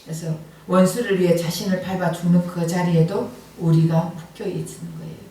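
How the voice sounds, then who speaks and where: A woman's voice: lowish voice, steady tone, fairly quick, mellow. A middle-aged woman pastor preaching a sermon at a night service, talking earnestly and conversationally, with emphatic rising bursts. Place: church sanctuary at a Friday night service. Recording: very echoey church hall from far off.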